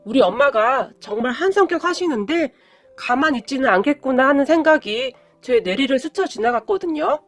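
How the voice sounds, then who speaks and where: A woman reading aloud a first-person story in an expressive, conversational way. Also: high-pitched, normal speed, faint music behind. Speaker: story narrator. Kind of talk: read-aloud story narration.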